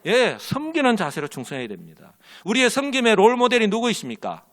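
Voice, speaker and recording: A man's voice: high voice, wildly swooping pitch, a little fast, a bit bright. A man preaching a sermon as pastor, telling a story and leading the congregation in call and response. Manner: tells an illustrative story with quoted characters.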